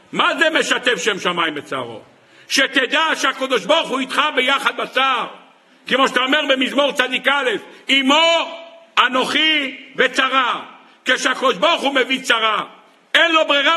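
A rabbi giving a sermon on the weekly Torah portion, impassioned, rising into pleading and dropping to hushed asides, slowing down when quoting sources. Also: male voice. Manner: impassioned, swinging between raised pleas and hushed low asides.

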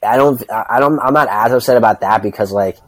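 A man's voice: lowish voice, brisk, no room sound. A man giving casual sports analysis as a podcast panelist, peppering his talk with conversational filler phrases. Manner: hedging, repeatedly says like and you know. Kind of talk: casual baseball analysis chat.

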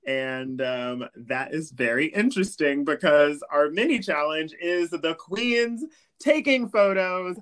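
A man's voice: on the high side, expressive, takes it slowly, a bit bright, clean tone. A man hosting a podcast, recapping an episode in an easygoing way and giggling often. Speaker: podcast host. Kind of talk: casual recap chat.

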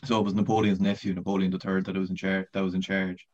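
A man with a low, deep voice chats casually as a podcast guest and winds through a long, rambling story with swearing and laughs along the way. The audio is dull and lo-fi. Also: level tone, fast talker, darkish tone. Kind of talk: casual chat.

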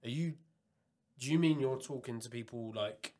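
A man's voice: mid-range voice, moderate pace, warm tone. A man hosting a podcast, talkative and loose, swearing often and restarting his sentences. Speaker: podcast host. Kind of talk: casual chat.

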